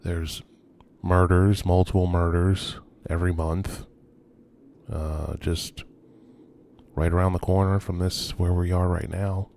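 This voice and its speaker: A man speaks slowly in a low, slightly mellow voice with little pitch movement. As a video host and urban explorer touring abandoned row houses at night, he narrates without a script, hesitant and musing, phrases trailing off, in a noisy on-location recording.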